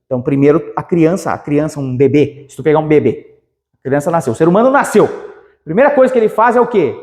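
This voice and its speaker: A man teaching a grammar lesson for exams, energetic and playful, stretching out key words. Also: a little high, fast, big-room sound. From southern Brazil. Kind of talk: exam-prep grammar lesson.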